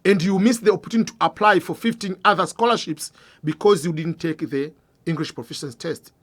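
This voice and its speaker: Talking fast and informally to camera, the host of a scholarship advice channel sincerely walks viewers through his points, going over them again and posing questions. At the close of phrases his voice drops, going low and quiet.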